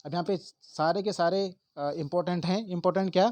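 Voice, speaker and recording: A man's voice: high-pitched, fairly quick, a little mellow, a little hiss or hum. A man teaching an exam-prep lesson, explaining step by step and stressing key words to his viewers. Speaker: Hindi exam tutor.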